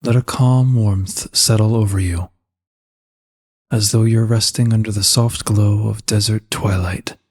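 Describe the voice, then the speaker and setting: A man with a soft, husky, lowish voice leads a slow guided meditation, calm, soothing and unhurried.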